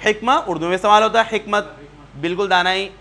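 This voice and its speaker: A man with a high, bright voice leads a classroom lesson. He goes through a word list one item at a time, has students read each word aloud again, and gently corrects how they say it. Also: fairly even intonation. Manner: patient, asks students to repeat words and corrects pronunciation. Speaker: Quran teacher. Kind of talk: classroom teaching, word drills. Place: neighbourhood class room.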